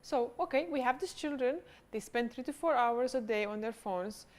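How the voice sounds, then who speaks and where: A woman runs a pitch workshop, encouraging and directive as she coaches. Her voice sits a little high. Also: normal speed.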